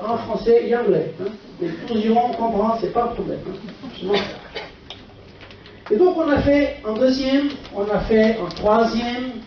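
An older man with a Portuguese accent gives a conference lecture in halting French, asking short rhetorical questions. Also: high-pitched. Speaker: physician lecturer. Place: dark auditorium stage at a lectern. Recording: echoey hall, distant camera microphone, muffled, faint noise.

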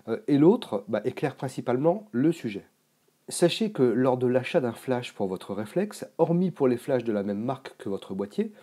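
A man explains camera flash settings in a calm tutorial, his voice mellow and warm in tone. He talks in a relaxed, conversational way, like a host walking viewers through the basics. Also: mid-range voice. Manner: relaxed, conversational teaching with a playful sign-off.

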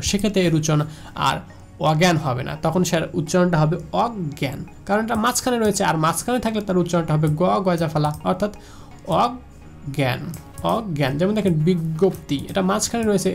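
A man with a Bangladeshi Bengali accent giving a slide lecture, repeating each rule and asking the listener questions. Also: high-pitched. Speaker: teacher. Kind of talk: slide lecture on pronunciation rules.

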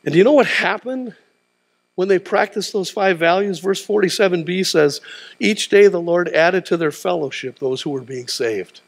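At normal speed and with vocal fry, a middle-aged man with a high-sitting voice preaches to a large church auditorium while pacing the stage. His call-and-response style leans on tag questions like "huh?"

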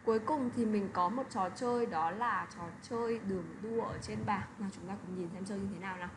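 Over background noise, a woman with a medium-pitched voice talks a little fast as she explains an online English lesson for kids. She keeps dropping in little tag questions to check on them.

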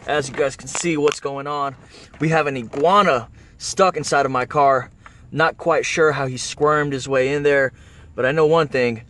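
A man's voice: mid-range voice, fairly even intonation, moderate pace, a bit bright, a little hiss or hum. A young man vlogging from inside his car at night, talking casually to viewers, cursing and grunting as he works. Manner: swears a lot, chatty, straining and grunting while working. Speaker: iguana catcher and vlogger. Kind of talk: casual vlog talk to camera.

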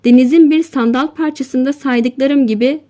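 A woman narrating a literary short story in a slow, measured reading voice. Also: high-pitched, warm tone. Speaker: audiobook narrator. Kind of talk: scripted narration.

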